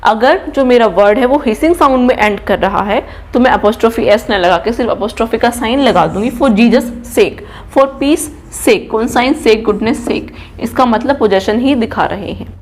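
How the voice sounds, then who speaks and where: A woman English trainer with a slightly high voice, teaching grammar step by step. She asks the class questions and answers them herself. She checks after almost every point that everyone is following. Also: a little fast, few pauses, a little mellow. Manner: explains step by step and keeps checking with "ठीक है?".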